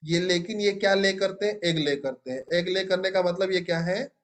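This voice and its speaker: A man's voice: high voice, moderate pace. A young man teaching a biology class, asking students questions and praising their answers. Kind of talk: classroom lecture.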